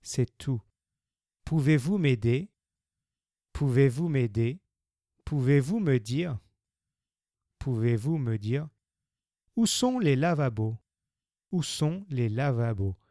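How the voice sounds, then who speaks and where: Male phrase-drill teacher, deliberate, very slow, medium pitch. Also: lively intonation, mellow, no echo, studio quality. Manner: slow, deliberate, careful pronunciation. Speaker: language teacher.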